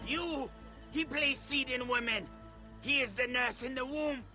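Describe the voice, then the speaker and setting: An actor playing a fervent male cultist preacher in a video game, shouting his sermon. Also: very high voice, measured pace. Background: game music.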